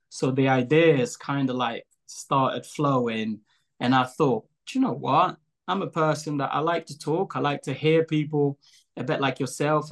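A young Angolan man, a native Portuguese speaker and the creator of a show, is a guest in a casual interview. His mid-range voice is a bit bright, and he rambles with lots of fillers and small laughs.

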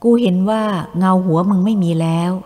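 A woman's voice: mid-range voice, normal speed, warm tone, natural voice. Brief: a woman playing a furious, fearless young captive, cursing, in a reverberant room with faint music. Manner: fierce, cursing, defiant.

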